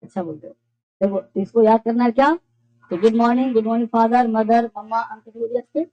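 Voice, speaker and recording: A woman's voice: on the high side, fairly even intonation, a little fast. A woman teaching a basic English class, explaining phrases patiently and quizzing her students with repeated questions. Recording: dull lo-fi classroom recording.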